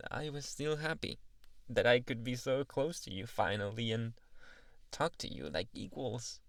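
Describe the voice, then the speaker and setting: A man playing a shy, tender boyfriend in a soft, halting, intimate ASMR role-play, teasing and adoring. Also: mid-range voice, gravelly, dry recording.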